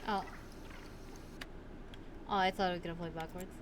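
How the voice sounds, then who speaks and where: A woman's voice: on the low side, fairly even intonation, moderate pace, noisy background. A woman streamer giving casual live game commentary, thinking aloud and repeating words.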